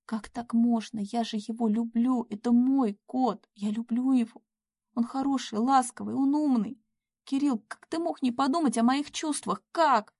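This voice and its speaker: A woman's voice: high voice, animated, normal speed, hardly any pauses, darkish tone, no echo, studio quality, pitched above the performer's own voice. A woman voicing a sobbing, pleading young woman. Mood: distraught pleading. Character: tearful young woman begging over her lost cat.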